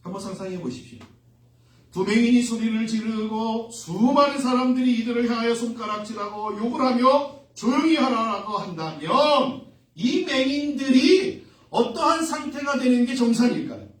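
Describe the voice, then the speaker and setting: High-voiced man preaching with fervor. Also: expressive, moderate pace. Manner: impassioned preaching, swinging from shouts to hushed asides; asks the congregation questions and answers them himself. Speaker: pastor. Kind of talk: sermon. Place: church sanctuary. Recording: roomy echo, distant mic, faint hiss.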